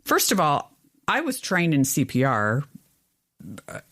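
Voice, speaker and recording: A woman co-hosting a podcast, chatting casually and telling stories with lively, exasperated pitch jumps. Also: unhurried. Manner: animated storyteller, rises in pitch when exasperated. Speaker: podcast co-host. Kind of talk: casual chat.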